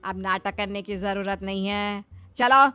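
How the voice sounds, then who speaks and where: A woman voicing a sharp-tongued older mother-in-law in a cartoon story, scolding and exasperated. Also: medium pitch, steady tone, a little slow, clear, resonant tone, dry recording.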